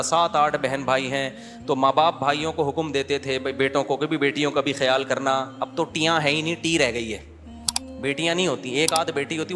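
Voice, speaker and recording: Brief: Pakistani-accented male preacher, fairly high voice, colloquial storyteller who acts out the people he quotes, long hall reverb. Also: a bit bright. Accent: Pakistani Urdu. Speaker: Islamic preacher. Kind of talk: conversational sermon with anecdotes.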